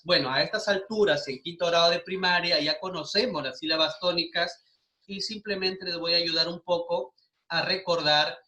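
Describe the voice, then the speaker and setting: Man, Peruvian Spanish accent, schoolteacher, very bright voice, echoey room. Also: sits high. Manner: patient, asks the class questions and repeats answers. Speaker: primary school teacher. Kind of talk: online class lesson.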